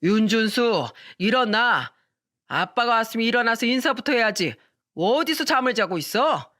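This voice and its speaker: A woman voicing a drunk, bossy middle-aged husband and father who scolds loudly with slurred words. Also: mid-range voice, animated, measured pace. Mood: drunken scolding.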